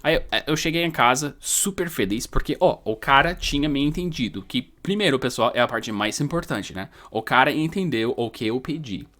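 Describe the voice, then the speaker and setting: A man whose first language is English, teaching English pronunciation in Portuguese in a casual video lesson, telling stories and repeating sounds slowly. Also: mid-range voice, lively intonation, fairly bright tone. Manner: storytelling, spells letters out and repeats sounds slowly.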